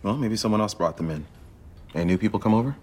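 A man's voice: on the low side, expressive, quick pace, a little mellow, a little hiss or hum, close to an everyday voice. A man playing a plain-spoken, matter-of-fact pest exterminator in a TV drama, explaining things. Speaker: pest control worker. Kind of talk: television drama acting.

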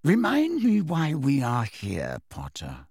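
A man voicing a cold, sneering middle-aged male potions master who talks in a slow, low, menacing drawl. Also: huge pitch swings, darkish tone, breathy edge, dry recording, studio quality, heavily acted. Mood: sneering menace.

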